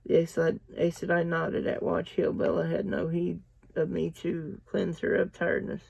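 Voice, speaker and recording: Male reader, gravelly and husky, steady novel reading, dry close sound. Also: a little high, normal speed, no echo. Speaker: audiobook reader. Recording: dull lo-fi dry recording.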